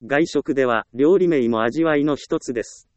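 Guy narrating a self-help book, calm and steady, dry close mic. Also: medium pitch, normal speed, no echo.

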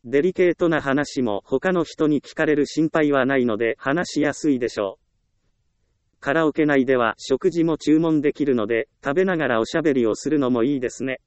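A man giving scripted self-help narration in a calm, measured reading with frequent short pauses. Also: mid-range voice, clear, resonant tone, no room sound.

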